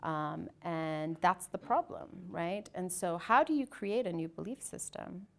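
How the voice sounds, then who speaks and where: A woman's voice: fairly low pitch, expressive, a little slow. A woman guest in an interview, talking in a reflective, emphatic way and often asking rhetorical questions. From Ethiopia. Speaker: guest, media company CEO. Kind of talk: interview discussion.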